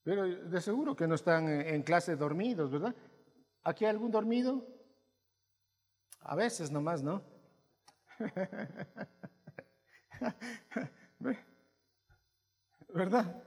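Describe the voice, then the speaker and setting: A male pastor preaching to his congregation, asking them questions and swinging between quiet asides and loud, emphatic bursts. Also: high-pitched, expressive, very slow, pauses often, slightly rough. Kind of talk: sermon. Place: church hall. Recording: long hall reverb.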